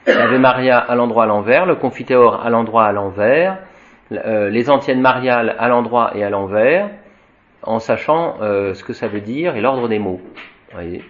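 A man at a middle pitch lecturing a Latin class, reading passages from a textbook and stopping to explain them in his own words. He drawls Latin words slowly and chants declensions, often restarting his sentences. The recording is dull and lo-fi. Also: a bit bright. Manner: slow explanatory, tags sentences with "hein" and "voyez", frequent restarts. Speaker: Latin teacher.

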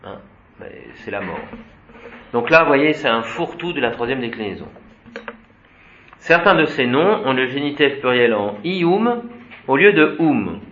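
A man's voice: mid-range voice, very animated, unhurried, pauses often, fairly bright tone, a little hiss or hum. A man teaching a Latin class, reciting declensions methodically and adding short asides. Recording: dull, roomy classroom recording.

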